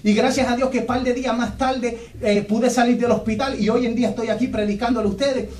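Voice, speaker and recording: High-voiced fervent evangelist man. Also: steady tone, fast, darkish tone, recorded from a distance. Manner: fervent, storytelling, breaks into tongues. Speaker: evangelist preacher. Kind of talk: radio sermon testimony. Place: radio station studio. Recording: echoey room, voice off-mic.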